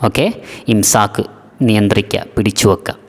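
A man's voice: lowish voice, level tone, fairly quick, long reverb tail. A man teaching an exam-prep lesson, patiently repeating key terms and asking students if they follow.

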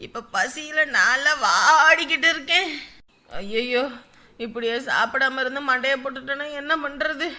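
A high, bright voice of a self-pitying mother-in-law, grumbling to herself about her hunger. She is middle-aged and speaks in the rural of Nadu. The delivery is a drama's, muttered and plaintive. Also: moderate pace. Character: hungry, scheming village mother-in-law. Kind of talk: village web-series drama.

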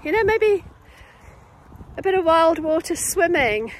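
Her voice is very high-pitched and very animated yet unhurried as this late-fifties vlogger reflects to camera. She records on a phone at arm's length while walking in open countryside, with clear outdoor background noise audible.

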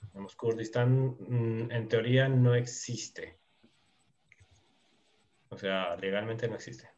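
A man teaching Turkish in a live online lesson, explaining patiently and filling pauses with lots of fillers. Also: fairly low pitch, darkish tone, muffled recording.

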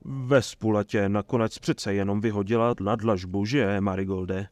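A man voicing a plump, nervous male halfling merchant who speaks slowly and reproachfully. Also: lowish voice, steady tone, darkish tone, no room sound, natural voice. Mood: sulky. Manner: slow, sulky, reproachful.

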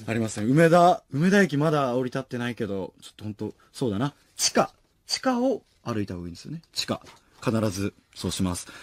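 Lively, animated male radio host. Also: medium pitch, no room sound. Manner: animated, self-mocking, laughs often. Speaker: late-night radio host. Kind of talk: casual radio talk reading listener mail. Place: radio studio.

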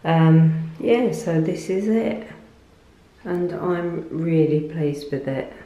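Slow chatty woman in echoey bathroom. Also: low voice, warm tone. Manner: chatty, rambling with fillers and restarts. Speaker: lifestyle vlogger. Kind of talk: casual home tour chat. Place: small tiled bathroom at home. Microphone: phone camera held by speaker. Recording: echoey tiled room.

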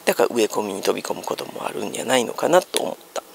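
A man's voice: on the low side, big pitch swings, very fast, gravelly, a little hiss or hum. A man with a Kansai Japanese accent chatting casually as a solo streamer, explaining news and thinking aloud. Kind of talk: casual chat commentary on news. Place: small room at home, seated on a sofa.

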